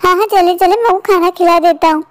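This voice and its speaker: A woman voicing a kind, lonely young boy in a cartoon story, speaking softly and patiently. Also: extremely high pitch, steady tone, fast talker, heavy background noise, pitched below the performer's own voice. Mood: gentle. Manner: soft, gentle and patient.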